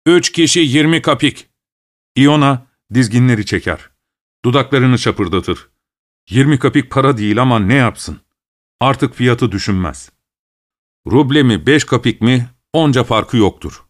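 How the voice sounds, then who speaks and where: A man narrating a short story as an audiobook in a calm, measured reading voice. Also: medium pitch.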